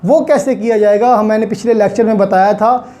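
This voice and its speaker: In an online lecture, a Pakistani-accented woman teaches law step by step, asking questions and then answering them while mixing in many English terms. Her voice is mid-range and warm, her tone steady, and her pace a little fast.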